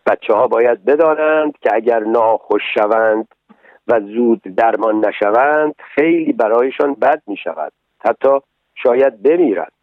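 A man voicing a kind, motherly fairy in a storybook reading, speaking calmly and gently scolding, over a tinny radio broadcast. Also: mid-range voice, dry recording, natural voice. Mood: gentle.

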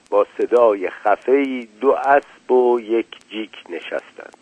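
A man narrating a story and speaking the characters' street-slang lines in a casual, lively way. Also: medium pitch, no echo. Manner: colloquial Tehrani street slang in dialogue. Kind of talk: storybook reading with character voices. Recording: tinny phone-like dry recording.

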